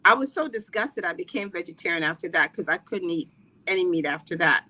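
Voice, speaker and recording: Guesting on a podcast, a middle-aged wellness coach from Trinidad and Barbados talks fairly quickly in an expressive, bright, forceful voice on the low side. The recording is rough, and her casual interview chat has lots of fillers and restarts.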